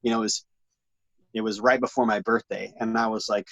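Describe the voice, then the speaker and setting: A man's voice: lowish voice, a little fast, no room sound, dull audio. Dry, rambling man in his forties. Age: 40s. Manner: animated, slangy, rambling with many restarts. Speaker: interview guest. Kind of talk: casual storytelling in an interview.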